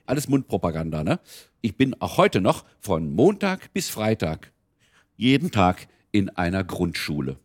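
A man's voice: deep voice, unhurried. An older man, a retired volunteer reader for children, talking casually in an interview and slipping into character voices as he tells stories. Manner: animated storyteller, slips into character voices.

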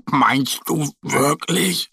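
Mo, a man doing a soft little bear cub. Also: on the high side, gravelly, slightly rough, no room sound, clean studio sound, full character voice. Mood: tearful. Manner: slow, drawn-out, whimpering delivery. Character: little male bear cub, gentle and easily upset.

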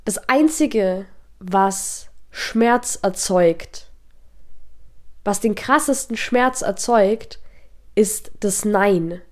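A young podcast host with a cold that makes her a little nasal delivers a casual spoken monologue, thoughtful and reflective with frequent fillers. Her voice is medium-pitched and she speaks extremely slowly.

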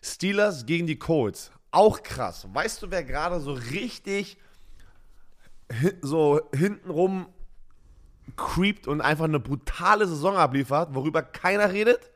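A German man co-hosting a casual football chat, telling lively stories and laughing often. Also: on the high side, unhurried. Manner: animated storytelling, laughs a lot. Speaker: podcast co-host, former football player.

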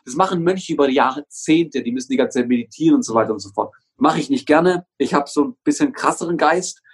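A man's voice: medium pitch, brisk, slightly rough. A young man as an interview guest and motivational coach, talking with energy, swearing often and driving his points home by repeating them. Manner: emphatic, swears often, hammers phrases through repetition.

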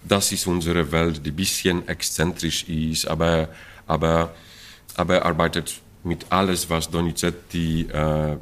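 Low-sitting and flat in delivery, yet fairly bright in tone, this unhurried voice is that of a middle-aged Polish opera stage director. A native Polish speaker with a Polish accent, he is interviewed about an opera production, frequently laughing, restarting, and reaching for words with plenty of fillers.

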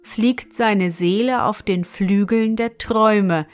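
Slow, soothing woman reading a bedtime story. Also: medium pitch. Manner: calm, soothing, softly whispered at times. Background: faint music.

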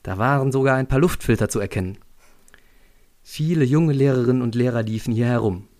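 A man's voice: medium pitch, brisk, darkish tone. A man narrating a scripted story on a school podcast in a dry, lightly ironic way.

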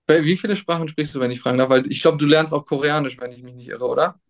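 A young male substitute teacher with a fairly high-pitched voice answers interview questions hesitantly and thoughtfully, pausing and restarting often.

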